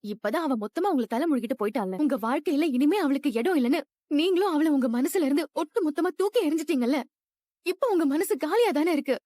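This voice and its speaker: A woman's voice: high-pitched, lively intonation, fast, mellow, no room sound. A woman playing a rich young woman who is obsessively in love, with a clingy, pleading and insistent manner in a dubbed drama.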